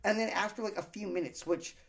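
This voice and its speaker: A man from Canada tells stories on a casual podcast. His voice is husky and breathy. He rambles loosely, packed with swearing and filler words. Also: high voice, fairly quick, a bit bright. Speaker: podcast guest.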